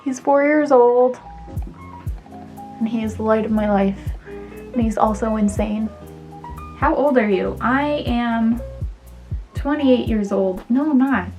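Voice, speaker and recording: A woman's voice: a little high, slow pace, long pauses, warm tone, faint music behind. Chatty young woman vlogger. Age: 20s. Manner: chatty, self-deprecating, many fillers. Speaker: illustrator and vlogger. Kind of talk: casual get-to-know-me chat.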